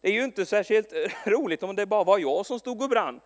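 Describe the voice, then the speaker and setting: A man preaching a sermon, telling stories in a lively way with frequent restarts and stumbles. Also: high voice. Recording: long echo in a large hall.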